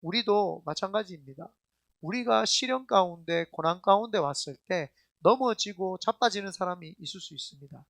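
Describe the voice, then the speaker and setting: High-pitched, gravelly preaching man. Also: animated, normal speed, fairly bright tone, dry recording. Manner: emphatic, colloquial storytelling preaching; addresses the congregation directly with questions. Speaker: senior pastor. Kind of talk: sermon.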